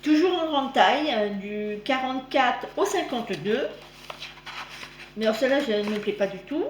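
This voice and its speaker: A woman with a slight lisp on her s sounds, chatting casually as she hosts a magazine review vlog. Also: high-pitched. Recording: roomy echo, clear background noise.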